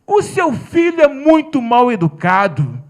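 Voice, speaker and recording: A Brazilian man voicing a rude, haughty woman at a restaurant who shouts with contempt, quoted in his spoken story. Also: very high voice, big pitch swings, unhurried, pitched above the performer's own voice, full character voice. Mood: haughty shouting.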